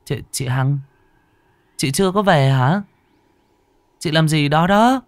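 A panicked young woman stammers and pleads to be believed, as a man puts her on in an audiobook. The voice is pitched up and swings widely. It sits dry and close, with no room around it. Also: lively intonation, slow pace, clean tone, dry recording. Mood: uneasy. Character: frightened young woman shop worker.

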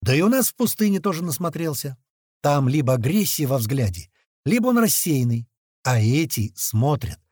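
A man narrating an audiobook in first person, voicing the dialogue with lively, expressive shouts. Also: on the high side, normal speed, breathy edge, dry recording, clean studio sound.

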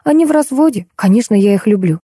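A woman voicing a timid, kind-hearted young woman who speaks softly. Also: medium pitch, expressive, fast talker, slightly rough, no room sound, studio quality. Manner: timid, soft-spoken.

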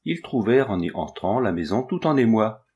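Low-voiced man reading a children's tale. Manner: measured, expressive reading that addresses the listener. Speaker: audiobook reader. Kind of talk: scripted storybook narration.

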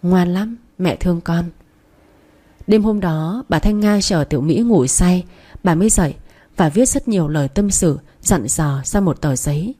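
A woman narrating a story in a calm, steady audiobook style. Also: lowish voice, moderate pace.

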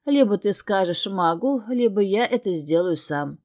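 A woman reading the lines of a possessive immortal male suitor, calm, smug and insistent. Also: medium pitch, moderate pace, close to an everyday voice.

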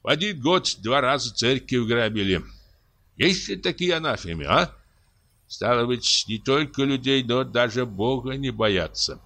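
A man's voice: mid-range voice, pushed and bright, voice pushed up. A man voicing a pious, frightened forest warden in a read-aloud story, plaintive and sighing. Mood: grumbling.

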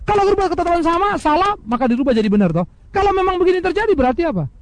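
A man preaching a sermon, addressing his listeners directly, swinging between loud emphatic highs and soft, hushed lows and acting out quoted speakers. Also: very animated, racing, no echo, poor audio. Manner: mimics imagined speakers in quoted asides. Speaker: pastor.

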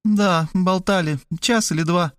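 A man's voice: high-pitched, moderate pace, no room sound, studio quality, voice pushed up, natural voice. A man reading an audiobook and voicing the narrator's sister, an emotional young woman who talks in a plaintive, sighing, pleading way. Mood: hurt.

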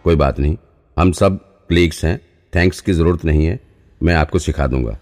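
A man's voice: very deep voice, normal speed, darkish tone. A man doing a cocky young cop.

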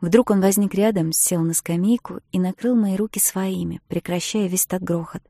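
A woman reading an audiobook in the first person, expressive, moving between hushed and loud passages, close to the mic. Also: on the low side, normal speed, gravelly, dry recording. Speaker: audiobook narrator. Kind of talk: scripted narration.

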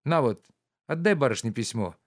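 A man's voice: medium pitch, lively intonation, normal speed, close to an everyday voice. A man voicing a fretful idle nobleman. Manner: fretful, peevish scolding.

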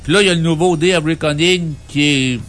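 A man's voice: a little high, brisk, a bit bright. A man with a Quebec French accent co-hosting a music show, reviewing albums casually with an informal, wry, joking manner.

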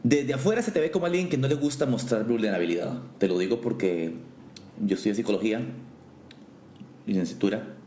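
A man's voice: fairly low pitch, mellow. Teasing Costa Rican man, echoey room. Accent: Costa Rican Spanish. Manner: mock-serious, teasing, halting restarts. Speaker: host. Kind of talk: comedic interview. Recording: echoey room with faint noise.

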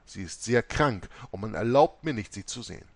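A man reading a first-person memoir aloud, telling it in a dramatic, expressive way. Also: on the low side, normal speed, vocal fry, no echo. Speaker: audiobook reader.

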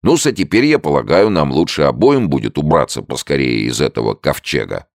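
A man's voice: extremely low pitch, expressive, brisk, dry recording, studio quality. A man voicing a blunt, blustering American soldier in an audiobook. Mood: brash. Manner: brash, blustering. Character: rough-talking American soldier, blunt and loud.

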